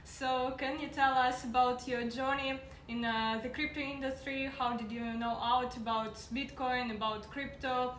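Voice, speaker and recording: A woman interviewing a guest, asking plain, slightly halting questions. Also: high voice, fairly even intonation. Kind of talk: casual interview. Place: outdoors in a city, traffic nearby. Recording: echoey with loud traffic noise.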